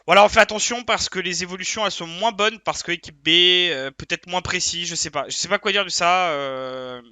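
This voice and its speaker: A man's voice: high voice, a little fast, pushed and bright, no echo. A man giving a casual video debrief as a sports betting tipster, rambling and hesitant, full of fillers, frustrated and questioning himself.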